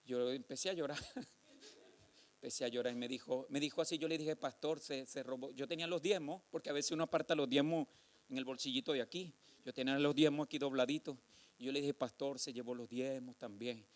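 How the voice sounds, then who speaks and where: A man preaching a sermon, telling a personal testimony and calling listeners brother, building to drawn-out shouted exhortation. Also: mid-range voice, fairly even intonation.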